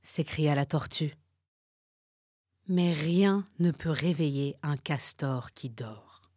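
A woman narrating a children's story in a slow, expressive way. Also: sits low, dry recording, clean studio sound.

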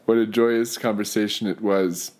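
A man hosting a spiritual conversation podcast, speaking in a reflective, gently emphatic way. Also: fairly low pitch, steady tone, normal speed. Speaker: podcast host.

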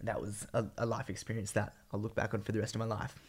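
Croaky, phlegmy young Australian man. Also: fairly low pitch, little pitch movement, fast talker, background noise. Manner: rambling, slangy, swearing casually. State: sick with a cold, voice partly gone. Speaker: podcast host and vlogger. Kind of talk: casual solo podcast catch-up.

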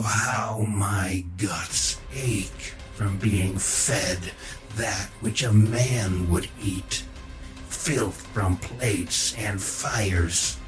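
Man playing a cruel ancient demon, low and very slow, audiobook villain. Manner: slow, drawn-out menacing delivery. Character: ancient ravenous male demon, gloating and cruel. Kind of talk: audiobook character voice.

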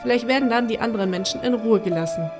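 Read by a woman, a stern middle-aged father growls his orders in a gruff, harsh voice. It is an audio story for families, and clear background music plays under him. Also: fairly high pitch, fast talker, close to an everyday voice. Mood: resolute.

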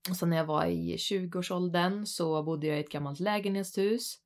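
A Swedish woman in her thirties, co-hosting a podcast and telling a spooky personal story in an animated, chatty way. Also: lowish voice, vocal fry. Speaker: podcast co-host. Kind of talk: casual storytelling chat.

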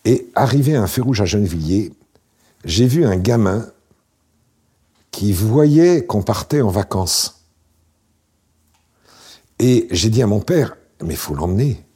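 Very deep-voiced man in his sixties. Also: slow, long pauses, breathy edge. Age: 60s. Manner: relaxed, wry, anecdotal with frequent fillers. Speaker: interview guest, founder. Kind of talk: casual storytelling interview.

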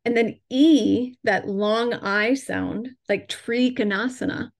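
A woman who teaches yoga and chakras, explaining her ideas in an interview in a measured, instructive way and slowing down to draw out vowel sounds as she demonstrates them. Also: medium pitch, steady tone.

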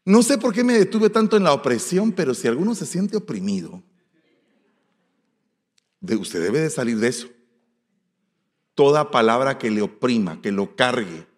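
A man with a Guatemalan Spanish accent preaching as a pastor, telling folksy stories in an animated way, swinging between soft asides and loud exclamations. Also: mid-range voice. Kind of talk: storytelling sermon. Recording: long hall reverb.

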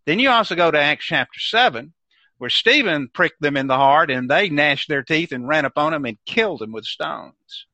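Here the older Southern guest sounds higher-pitched and animated, with a sharp tone and a moderate pace as he holds forth like a preacher. The talk is preaching-style, captured in a dry, dull lo-fi recording with no room sound.

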